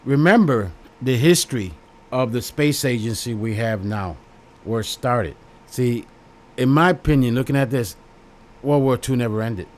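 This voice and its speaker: A middle-aged man with a Chicago accent, talking plainly and bluntly to his viewers. His pitch sits in the middle of the male range, and he hammers his points home by saying them again and again in short, simple phrases. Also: lively intonation, normal speed. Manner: blunt and plain-spoken, repeats phrases for emphasis. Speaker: YouTube host. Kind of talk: casual direct-to-camera commentary.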